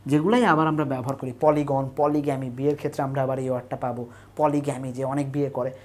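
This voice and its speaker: Young woman teacher, pretty low voice, lists word examples, keeps checking "right?", talking to a camera on a tripod. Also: steady tone, fast talker, darkish tone. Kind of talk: online admission-test English lesson.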